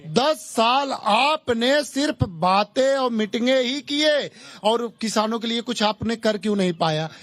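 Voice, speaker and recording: A man's voice: very high voice, animated, a little slow, fairly bright tone. A young man, a farmer's son, challenging the panel from the audience in a heated way. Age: young adult. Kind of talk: questioning from audience.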